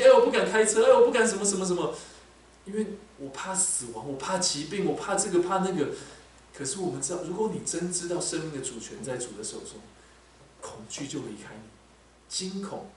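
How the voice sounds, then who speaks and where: A man preaching a sermon to a congregation, animated and asking them frequent questions. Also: on the high side. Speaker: pastor. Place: large echoey hall, church. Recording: very echoey hall, distant mic, faint background noise.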